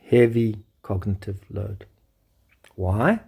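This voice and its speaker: Brief: male lecturer, dark mellow tone, reading a paper aloud with keen exclamations. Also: fairly low pitch, steady tone, slow, creaky, slightly rough. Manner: enthusiastic, exclamatory asides. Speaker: education lecturer. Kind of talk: reading and commenting on a research paper.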